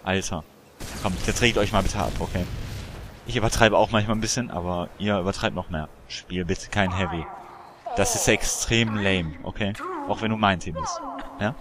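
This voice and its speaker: A man giving casual let's play commentary, excitable and chatty as he banters with other players. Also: low-pitched, normal speed, crowd noise.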